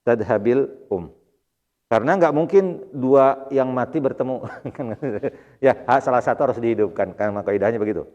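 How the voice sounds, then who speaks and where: A man teaching Arabic grammar to a mosque study class, reading phrases slowly and then explaining them quickly with a chuckle. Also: mid-range voice, a little mellow, lo-fi sound. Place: mosque hall. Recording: long hall reverb.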